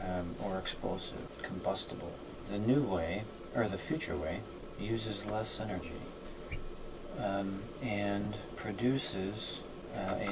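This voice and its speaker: Halting male remote viewer, low voice, slow drawn-out delivery, noisy recording. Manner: halting, searching for words with many fillers. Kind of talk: describing impressions in a session.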